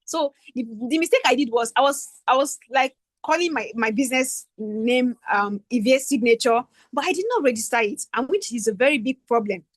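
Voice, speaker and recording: A woman's voice: fairly high pitch, fairly quick, few pauses, no room sound. A young woman with a Nigerian accent leading an online business workshop, talking conversationally and often checking in with "right?". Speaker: workshop facilitator. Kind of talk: online teaching session.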